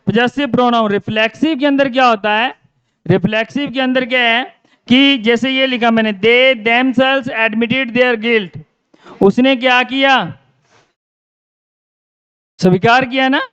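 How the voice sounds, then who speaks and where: A man's voice: very high voice, a bit bright, smooth, no echo, muffled recording. A male teacher giving a grammar lesson, repeating his own questions and answering them.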